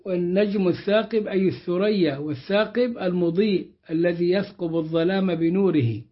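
Guy with a highish voice explaining quran verses slow and careful, kinda muffled lo-fi sound. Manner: measured explanatory delivery, slows when quoting verses. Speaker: Quran teacher. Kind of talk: tafsir lesson reading and explaining verses. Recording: dull lo-fi recording.

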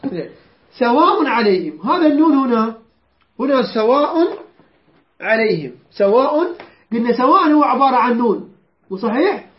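A man's voice: extremely high pitch, sing-song, normal speed, pauses often. A man leads a Quran recitation lesson, drilling rules and calling on students to answer back. He repeats each point patiently. The recording is dull and lo-fi, with a roomy echo. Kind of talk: tajweed lesson with call-and-response drills.

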